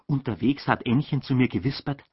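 A man narrating an audiobook as lively, scripted storytelling, in a dull lo-fi recording. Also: medium pitch, a little fast, slightly rough, dry recording.

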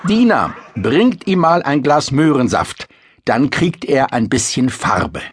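A man voicing a sharp-tongued, theatrical young princess in a storybook reading. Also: medium pitch, sing-song, takes it slowly, husky, voice pushed up, exaggerated voice. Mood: teasing. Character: haughty, mocking young princess.

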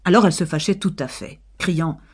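A woman narrating a classic tale as an audiobook reader, in a husky, measured and expressive voice. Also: low-pitched. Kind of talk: scripted literary narration.

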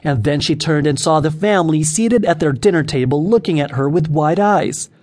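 A man narrating a children's audiobook in an expressive storytelling way. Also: fairly high pitch, moderate pace.

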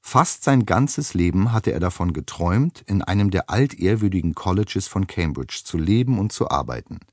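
A man reading an audiobook in a wry, expressive storytelling manner. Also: deep voice, normal speed, no echo, studio quality. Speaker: audiobook narrator. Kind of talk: scripted narration.

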